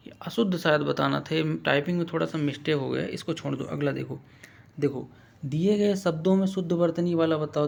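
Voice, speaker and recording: A man teaching an exam-prep lesson in a casual spoken style, quizzing his viewers and slowly stretching out words to spell them. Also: a little high, creaky, darkish tone.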